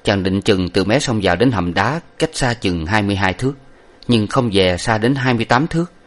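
A man reading an old novel aloud in a measured, steady way. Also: on the low side. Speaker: narrator.

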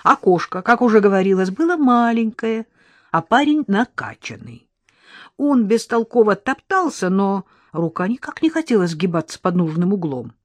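A woman narrating an audiobook in a wry, even storytelling manner. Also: mid-range voice, normal speed, dry recording. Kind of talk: scripted narration.

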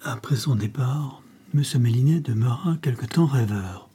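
Dark, husky male audiobook narrator. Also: medium pitch, normal speed. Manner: steady storytelling with voiced characters. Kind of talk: scripted narration of a novel.

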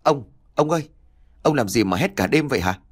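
A man's voice: mid-range voice, expressive, brisk, slightly rough, pitched above the performer's own voice. A man voicing an older village wife who scolds her husband in a matter-of-fact way. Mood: puzzled scolding.

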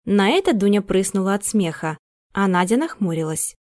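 A woman narrating an audiobook in an even storytelling delivery. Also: medium pitch, moderate pace, no room sound, studio quality. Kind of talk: scripted narration.

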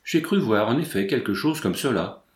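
Brief: man reading a courteous, bewildered gentleman, formal replies; roomy room. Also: mid-range voice, lively intonation, normal speed, natural voice. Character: polite, puzzled gentleman visitor.

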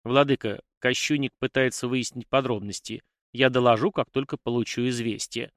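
A cowed steward, played by a man, reporting in a measured, formal tone, careful and respectful toward his master. The sound is close and dry, as in a storybook reading, with a mid-range male voice. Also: medium pitch, steady tone, dry recording, natural voice. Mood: deferential. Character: timid servile male steward.

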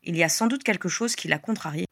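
A woman voicing a brisk, practical young witch who grumbles, in a storybook reading. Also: fairly low pitch, creaky, a bit bright, no room sound, studio quality. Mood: calm.

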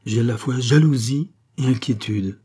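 A man reading an audiobook, voicing a proud, wounded queen who speaks with sharp irony and rising fury. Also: mid-range voice, normal speed, slightly rough, lightly acted. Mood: furious.

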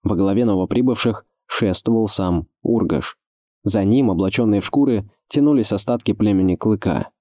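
A man giving measured, scripted audiobook narration. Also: lowish voice, dark tone, no echo, studio quality.

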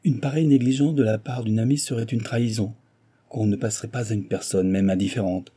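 A man voicing an earnest young woman, a gentle but firm heiress, pleading with a friend. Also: lowish voice, fairly even intonation, a little fast, breathy edge. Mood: earnest concern.

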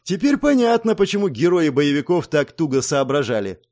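Wry, lively male audiobook narrator. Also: fairly high pitch, a little fast. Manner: wry, sardonic. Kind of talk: first-person audiobook narration.

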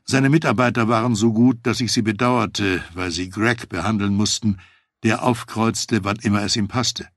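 A man reading a first-person memoir aloud, telling the story in a measured, reflective way. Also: lowish voice, fairly even intonation, no echo, studio quality. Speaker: audiobook narrator.

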